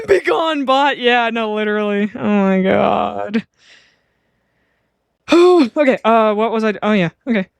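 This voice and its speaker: A woman's voice: mid-range voice, clean tone, no echo, studio quality. A woman streaming a game, chatting in a rambling, giggly way and swearing freely. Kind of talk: live-stream game commentary.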